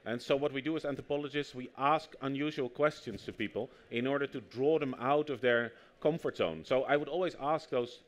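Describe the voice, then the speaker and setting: A native Dutch speaker with a Dutch accent, this author and anthropologist is being interviewed on stage at a public talk. His mid-range voice moves briskly with few pauses as he tells lively anecdotes and acts out quotes.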